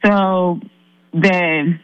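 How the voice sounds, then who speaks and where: Caller from Zambia, a woman telling her ordeal in earnest halting bursts, dull dry line. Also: lowish voice, steady tone, smooth, no room sound. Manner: earnest, halting, many restarts. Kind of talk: recounting a personal ordeal on a call-in show.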